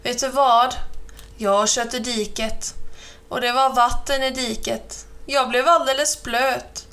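A woman's voice: a little high, steady tone, fairly bright tone. A woman reading a storybook aloud and voicing a curious, friendly cow who asks eager, naive questions. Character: curious, friendly cow mother learning to cycle.

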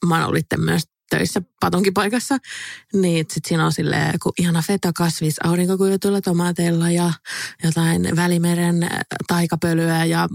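A woman's voice: on the low side, level tone, creaky, darkish tone, no echo, studio quality. A woman co-hosting a podcast in casual chat, giggling often and reading listener gossip aloud. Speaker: podcast co-host.

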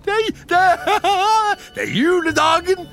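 Shrill old miser guy, yelling high and wobbly, voice swings all over, bit of music underneath. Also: very animated, heavily acted. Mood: giddy joy. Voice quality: high, strained, shouting voice. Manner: cries out in shrill exclamations. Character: old male miser, frantic and excitable. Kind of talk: storybook character voice.

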